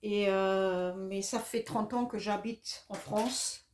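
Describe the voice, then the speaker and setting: A woman's voice: mid-range voice, fairly even intonation, slow pace, a little mellow. A middle-aged woman from Germany with a German accent, explaining a paper craft project in a casual, hesitant way with many fillers and self-corrections. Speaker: craft demonstrator.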